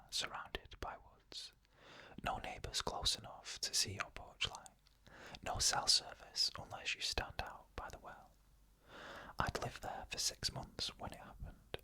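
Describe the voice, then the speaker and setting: Whispering without voice from start to finish, this ASMR storyteller recounts eerie first-person tales slowly and suspensefully, keeping everything hushed and nearly voiceless.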